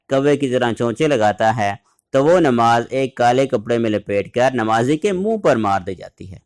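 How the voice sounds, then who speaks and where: A man from Pakistan teaching a tajweed lesson, repeating syllables slowly and deliberately and chanting short recitation examples. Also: medium pitch. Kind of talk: tajweed lesson, drilling letter sounds.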